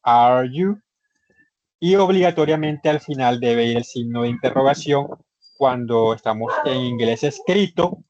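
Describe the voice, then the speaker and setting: Speaking at a moderate pace in a medium-pitched voice with a darkish tone, this man teaches English online. He walks through each step patiently and goes over the key points again. The session audio, captured on a computer mic during a video call, is slightly muffled.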